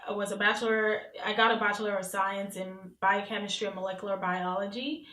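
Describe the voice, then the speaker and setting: A woman's voice: mid-range voice, echoey room, rough recording. A woman in her thirties from Nigeria, chatting casually to camera as a vlogger, reading questions off her phone. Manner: chatty, warm-hearted asides, reads questions off her phone. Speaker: beauty vlogger. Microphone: camera mic, reading from phone.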